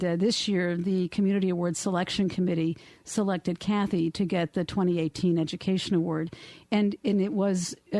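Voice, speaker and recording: A woman's voice: lowish voice, warm tone, no echo. A woman hosting a radio interview in a studio, chatty, with many fillers and restarts. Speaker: radio talk show host. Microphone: studio microphone.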